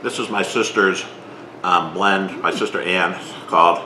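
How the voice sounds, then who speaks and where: A man's voice: low voice, steady tone, unhurried, bright, forceful tone, roomy sound, slight background noise, poor audio. A man hosting a cooking podcast, chatting easily and joking as he eats with his guest in a kitchen studio. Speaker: podcast host. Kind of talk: casual chat over a meal.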